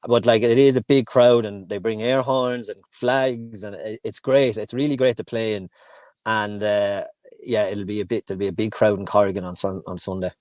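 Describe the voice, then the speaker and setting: A man's voice: on the low side, steady tone, moderate pace, a little mellow, no room sound. A man from Kilkenny with an Irish accent, chatting casually as a podcast guest, rambling with many restarts and fillers. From Ireland, Kilkenny. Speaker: guest, hurling coach in Antrim.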